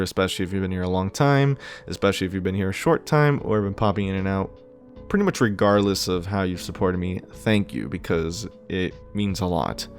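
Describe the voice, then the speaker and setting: Male gaming YouTuber, lower-pitched voice, sincere conversational address to viewers, faint music underneath. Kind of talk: casual reflective thank-you talk to viewers. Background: background music.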